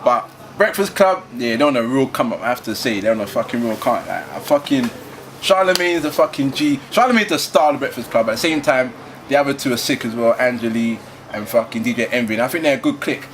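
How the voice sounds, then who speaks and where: A man's voice: mid-range voice, expressive, fast talker, fairly bright tone, slight background noise. A young man, hosting a casual debate chat, laid-back and slangy, swearing often. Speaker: host.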